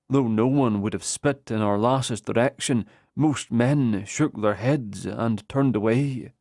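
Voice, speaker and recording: A man narrating an audiobook in the first person with slow, measured storytelling. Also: mid-range voice, a little mellow, dry recording, studio quality.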